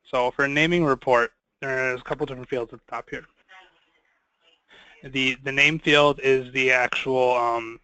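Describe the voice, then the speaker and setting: Flat-voiced man teaching software. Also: mid-range voice, clear, resonant tone, no room sound, low-quality recording. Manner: casual, with many fillers. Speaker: software trainer. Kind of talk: screen-share software training.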